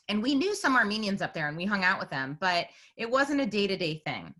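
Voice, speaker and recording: A documentary filmmaker in her forties from Northern California answers a panel question over a video call, telling her story in a chatty, wandering style full of "you know"s. Her voice sits low and is a bit bright.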